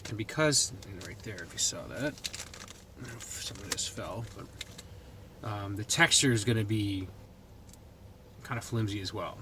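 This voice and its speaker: Taste-testing food on camera, a New England man with a Boston accent rambles casually and thinks out loud as he reviews it. His voice sits on the low side at a normal speed, broken by long pauses, and there's noticeable background noise.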